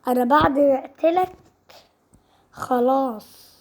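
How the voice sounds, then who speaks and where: Egyptian woman host, high and gravelly, playful game-movie role-play with lots of repetition. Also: slow pace, a little hiss or hum. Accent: Egyptian Arabic. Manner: lively, repeats phrases over and over. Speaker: channel host voicing game characters.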